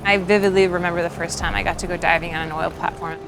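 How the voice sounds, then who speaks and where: A woman's voice: on the low side, fairly even intonation, fast talker. A woman telling her experiences as a marine consultant in a documentary interview. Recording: prominent music bed under speech.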